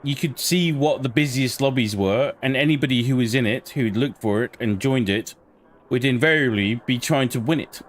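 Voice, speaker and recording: A man's voice: mid-range voice, normal speed. A man live-streaming a shooter game, chatting casually and swearing bluntly when frustrated. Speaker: gaming livestreamer. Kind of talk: casual chat while gaming.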